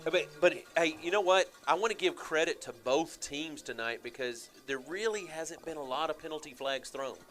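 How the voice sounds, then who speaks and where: A man's voice: on the high side, moderate pace, few pauses, faint music behind. Guy doing play by play for hs football radio, laid back, lots of uh's. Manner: chatty, relaxed, with frequent fillers. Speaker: play-by-play announcer. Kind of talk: high school football radio commentary.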